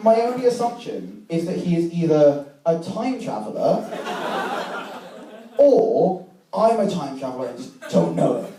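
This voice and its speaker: A young man telling a self-mocking stand-up story with an animated, wry delivery at a live comedy venue. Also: a little high, a little slow, crowd noise. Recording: echoey room, voice from far off the mic.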